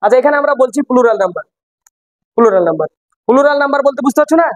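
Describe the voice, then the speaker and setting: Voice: sits high, lively intonation, racing, dry recording, low-quality recording. An English teacher runs a classroom lesson, repeating phrases and quizzing the students. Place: classroom with a board.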